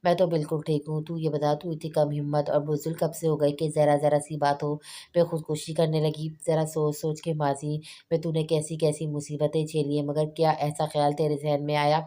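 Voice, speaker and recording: Brief: a woman doing a blunt young woman who scolds and teases her friend, low dark voice. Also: level tone, a little fast, close to an everyday voice. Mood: scolding. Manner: scolding, then teasing.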